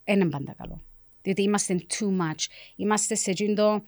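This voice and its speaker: A woman's voice: medium pitch, steady tone, a little mellow, dry recording, studio quality. A woman with a Cypriot Greek accent talking emphatically as a coach in a conversational interview, often switching into English. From Cyprus. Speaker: educational coach and mentor, interview guest.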